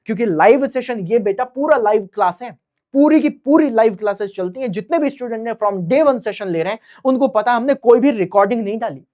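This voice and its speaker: A man's voice: very high-pitched, a little fast, darkish tone. A young man teaching a live online exam-prep class, chatty and keeps checking in with his students.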